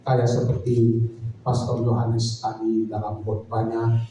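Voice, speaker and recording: A male pastor preaches, telling a personal story in an earnest, reflective way. His voice is deep, dark and mellow. It comes from some way off the mic and rings through a very echoey hall over faint ambience. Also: monotone, slow pace, far from the mic, a little hiss or hum.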